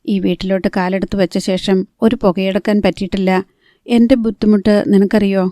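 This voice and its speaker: A woman's voice: medium pitch, fairly even intonation, fairly quick, warm tone, no echo, studio quality, lightly acted. A woman reading the part of an irritable, sarcastic young man who craves a smoke, in a blunt, grumbling way.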